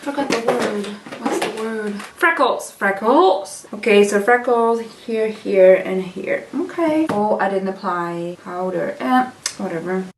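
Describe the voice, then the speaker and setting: A woman's voice: mid-range voice, unhurried, noisy background. Exasperated woman ranting in echoey room. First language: German. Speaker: vlogger. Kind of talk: casual vlog rant while doing makeup. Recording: echoey room, mic at a distance.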